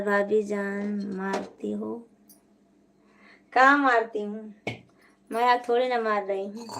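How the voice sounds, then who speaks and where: A woman's voice: on the high side, darkish tone. A woman hosting a casual live stream from home, chatting and answering viewers' comments one by one.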